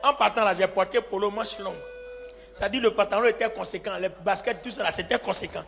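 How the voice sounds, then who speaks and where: A man's voice: high-pitched, a little fast, vocal fry. A male pastor telling a story in a sermon, acting out the lines of the people in it and laughing often, recorded live in a reverberant hall. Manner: animated, acts out quoted lines, laughs often. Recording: live hall with long reverb and faint music.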